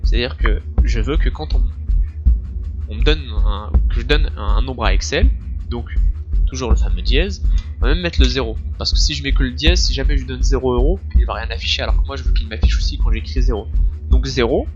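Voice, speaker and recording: A man teaching a screen-recorded software tutorial, explaining step by step with frequent restarts and filler sounds. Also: medium pitch, fairly quick, lo-fi sound. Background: soft background music.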